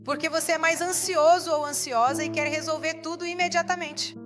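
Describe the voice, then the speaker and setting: A woman's voice: sits high, fairly even intonation, a little fast, over music. A woman pastor preaching a sermon, emphatic and putting rhetorical questions to the congregation.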